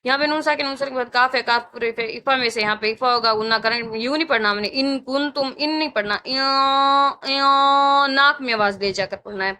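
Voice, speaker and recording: Bright, clear-voiced woman teaching tajweed. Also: fairly high pitch, few pauses. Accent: Pakistani Urdu. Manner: patient, repeats each sound several times for students to copy. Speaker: Quran recitation teacher. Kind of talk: tajweed lesson with slow chanted recitation.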